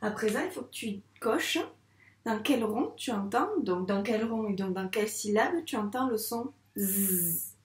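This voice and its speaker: A woman teaches a phonics lesson to young children at an unhurried, deliberate pace. She draws out each sound and syllable patiently and clearly. Her voice rings in an echoey room. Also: medium pitch. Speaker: first-grade teacher.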